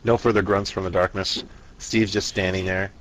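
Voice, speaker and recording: A man with a fairly low voice runs a tabletop fantasy game. He narrates as game master in a casual, improvised way, stopping and starting as he goes. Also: flat delivery, moderate pace, a bit bright, slight background noise, rough recording.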